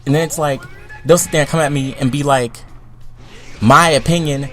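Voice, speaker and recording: Young man ranting heatedly, faint music behind. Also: fast talker. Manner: animated, heated, swings between loud outbursts and low mutters, filler-heavy. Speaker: vlogger. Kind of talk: profane comedic rant.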